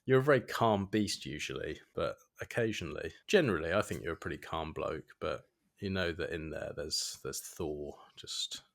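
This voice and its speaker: A deep-voiced man in casual podcast chat. He tells his stories with a lively, exasperated energy, swearing for emphasis and breaking into laughter. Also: normal speed, vocal fry. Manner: animated storyteller, swears for emphasis, laughs often. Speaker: podcast co-host.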